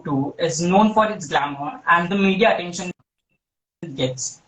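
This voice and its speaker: Student on a video call, muffled as through a wall, echoey and polite. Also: male voice, high voice, moderate pace, a bit bright, far from the mic. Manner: polite and formal, slightly hesitant. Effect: muffled, as if heard through a wall. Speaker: student asking a question. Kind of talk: formal question on a video call.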